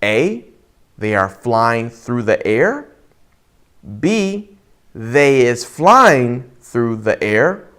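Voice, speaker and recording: A man teaching an English lesson in a playful, deliberate way, quizzing the listener. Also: medium pitch, very animated, fairly bright tone. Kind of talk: lesson voice-over over movie clips.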